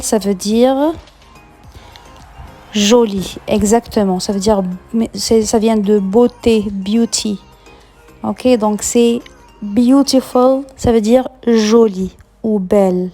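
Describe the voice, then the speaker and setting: Slow, patient woman teaching English words. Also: mid-range voice, warm tone. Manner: patient, repeats example words carefully. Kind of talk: slow French-language English lesson.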